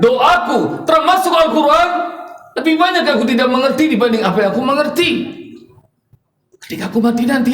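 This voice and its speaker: A tearful, frightened grandfather of sixty-seven, as a preacher puts him on, pleading in a high and strained voice that breaks into shouts. His delivery swings up and down with a lot of feeling. It is heard in an echoey hall. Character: grieving old village man, 67, fearful of death.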